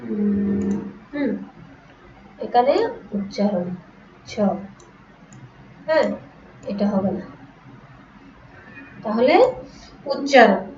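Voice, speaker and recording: A woman teaching an online class, explaining slowly, repeating example words and asking her students rhetorical questions. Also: medium pitch, darkish tone, a little hiss or hum. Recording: echoey room, distant lo-fi mic.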